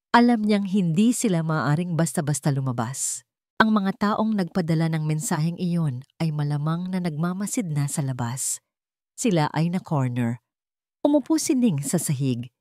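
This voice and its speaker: Narrating a dramatic scripted story, a Filipina-accented woman uses a low-pitched, animated voice that's a little mellow, keeping a moderate pace. It's a dry, studio-quality recording.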